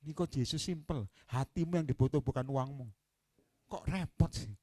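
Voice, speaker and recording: A man with an Indonesian accent touched by Javanese, preaching a sermon as an evangelist and telling stories animatedly, moving from quiet asides to loud proclamations. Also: a little high, moderate pace, no room sound.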